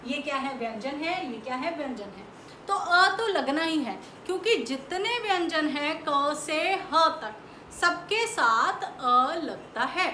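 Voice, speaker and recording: A woman teaching a Hindi lesson to young children. She talks slowly and patiently, sounding out letters and answering her own questions. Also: sits high, lively intonation, pushed and bright. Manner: slow, patient, asks questions and answers them herself; sounds out letters and stretches syllables. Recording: echoey room with faint background noise.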